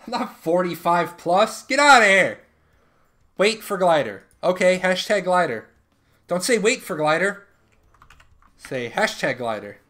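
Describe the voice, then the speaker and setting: A man's voice: high-pitched, sing-song, a little slow, long pauses, sharp tone. A man in his thirties hosting a live stream, chatting casually and joking with viewers while running giveaways. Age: 30s. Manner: joking, banters with chat.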